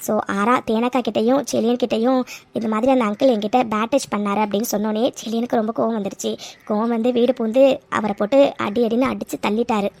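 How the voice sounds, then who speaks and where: A woman's voice: a little high, fairly even intonation, fast, a little mellow. A woman voicing a young woman in a cartoon who retells a story to a friend. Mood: calm.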